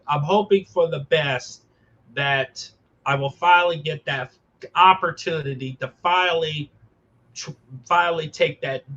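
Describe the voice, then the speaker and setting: A man talking earnestly as a podcast host, emphatic and halting, often repeating his phrases. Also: on the high side, a bit bright, dull audio. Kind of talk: earnest conversational talk.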